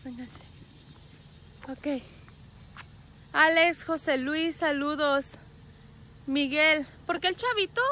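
A woman's voice: high-pitched, slow, pauses often, bright, forceful tone, a little hiss or hum, low-quality recording. A woman truck driver, chatting casually with viewers on a live stream from a phone outdoors at a rest area, greeting them by name and laughing often. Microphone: phone held at arm's length.

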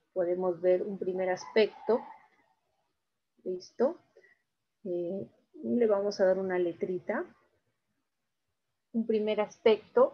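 Slow, husky woman teacher. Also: medium pitch, highs cut off. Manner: slow, explains step by step with frequent check-ins. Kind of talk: recorded class lecture.

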